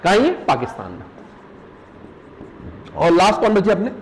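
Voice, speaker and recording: Speaking at a moderate pace, this man's high voice swings hugely in pitch, over a low-quality recording with a little hiss or hum. A hill native of Uttarakhand with a Pahari-accented Hindi, he teaches a live exam revision class, repeating points, quizzing students, calling them "beta," and joking and laughing.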